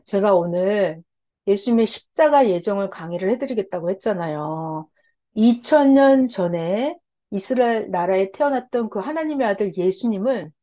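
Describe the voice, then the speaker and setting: Emphatic woman preacher, lively pitch. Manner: asks rhetorical questions and answers them herself; emphatic repetition. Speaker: Bible lecturer. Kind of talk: sermon-style Bible lecture. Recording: dull lo-fi recording.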